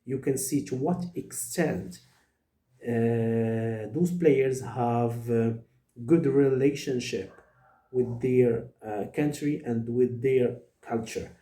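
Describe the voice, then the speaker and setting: A man from Morocco, speaking as an in an earnest vlog monologue, pausing often with fillers. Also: medium pitch, mellow, reverberant. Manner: earnest, many hesitations and fillers. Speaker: vlogger. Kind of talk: direct-to-camera monologue.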